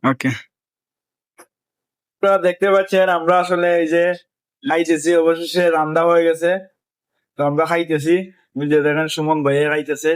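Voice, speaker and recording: A man's voice: a little high, flat delivery, normal speed, pauses often, clear, resonant tone, no room sound. Joking guy narrating cooking. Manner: joking, teasing, laughs often. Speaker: vlogger filming a friend cooking. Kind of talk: casual running commentary to viewers.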